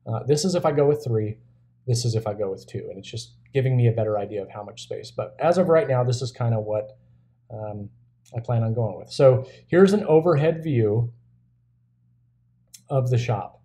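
A man's voice: mid-range voice, lively intonation, normal speed, mellow. A young man hosting a woodworking channel, casually talking through a design on screen and thinking aloud with fillers. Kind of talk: casual screen-share walkthrough.

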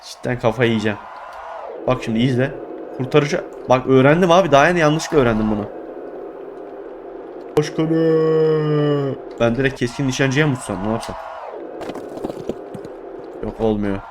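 A young man giving excitable let's play commentary, exclaiming and groaning at his failures. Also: medium pitch, normal speed, pauses often, crowd noise, noisy background. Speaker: gaming YouTuber.

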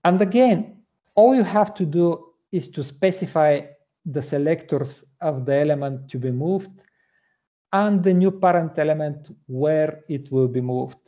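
Slow, gravelly man demoing code. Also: fairly high pitch, warm tone, highs cut off. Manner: methodical, explanatory, many "uh" pauses. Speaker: front-end developer presenting. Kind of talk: screen-share coding walkthrough.

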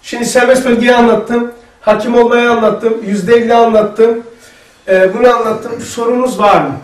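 A man with a high voice teaches a religious class and tells lively stories, acting out the dialogue himself. He is recorded from a distance in a room with a noticeable echo. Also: moderate pace. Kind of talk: religious lesson to a group. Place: lesson room. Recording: roomy sound from off-mic.

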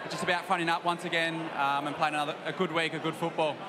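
Young Australian male player, high-pitched, steady answers over stadium crowd. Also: background noise. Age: young adult. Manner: plain, measured, with fillers. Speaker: footballer interviewed after a match. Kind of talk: post-match interview. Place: outdoors at a stadium beside the field. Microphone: handheld mic with headset.

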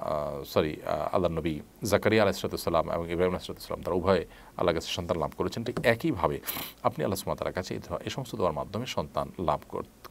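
A man with a Bangladeshi Bengali accent, an Islamic scholar reading out viewers' questions during a live session and answering them in a measured way with frequent "ah" fillers. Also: low voice, creaky.

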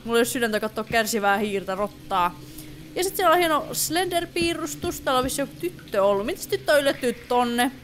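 A gaming YouTuber gives casual let's play commentary on a horror game, chatty and easily startled, mixing in English exclamations. Her voice is a little high and animated, with slight background noise.

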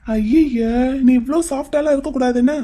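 A woman voicing a cheeky young man in a cartoon who talks in a brisk, teasing, chatty way. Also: high-pitched, mellow. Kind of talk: cartoon voice acting.

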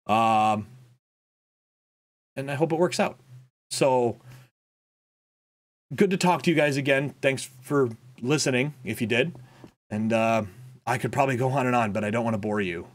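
Wearing headphones at a boom-arm desk mic in a small room at home, a young male content creator speaks candidly in a personal vlog update. His medium-pitched voice is reflective and halting, often broken by fillers and restarts.

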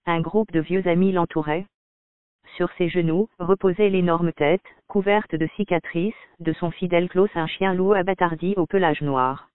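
A man narrates a story in first person with a calm, measured reading. His voice is fairly high and crisp. The sound is dry, with no room, and thin like a phone line. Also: no room sound. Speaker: audiobook narrator. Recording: dry, tinny phone-like audio.

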